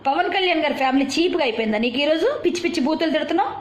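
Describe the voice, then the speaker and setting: A video commentator with a high, very fast, expressive voice angrily rants at a rival, scolding her and firing off rhetorical questions. The recording has a roomy echo.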